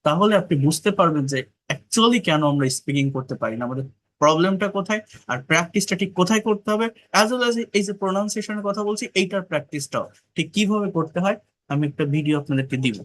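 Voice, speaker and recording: English tutor, Bengali-man, slightly high voice, slow repeated reading then brisk coaching. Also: fairly bright tone. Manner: slow, repeats phrases while reading dialogue. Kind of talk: online English class.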